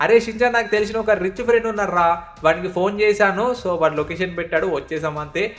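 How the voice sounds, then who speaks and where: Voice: medium pitch, fast, fairly bright tone, close to an everyday voice. A performer voicing a worried, fussing uncle who scolds and keeps calling for the boy, in a fan-dubbed game parody. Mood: casual.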